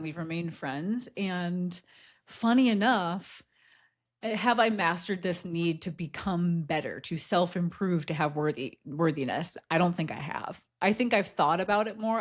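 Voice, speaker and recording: A podcast co-host with a fairly low woman's voice. She tells a personal story candidly and reflectively. She laughs often and fills her speech with "like". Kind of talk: casual chat, personal storytelling.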